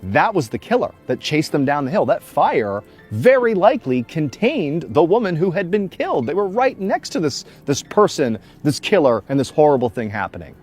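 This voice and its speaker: A man tells a creepy true tale like a casual but dramatic storyteller, with music underneath. His pitch moves in a lively, expressive way as he leans on key words. He keeps it conversational while building suspense. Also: normal speed, few pauses, husky. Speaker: storyteller, host of a story show.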